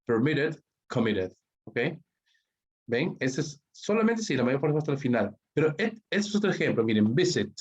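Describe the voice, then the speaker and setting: A man's voice: mid-range voice, very animated, normal speed, slightly rough. A man with a Peruvian Spanish accent teaching English grammar in an online class, walking through the rules step by step and checking in with "¿ok?" after nearly every line. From Peru. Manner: explains step by step, checks with constant "¿ok?" and "¿no?". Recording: dull lo-fi recording.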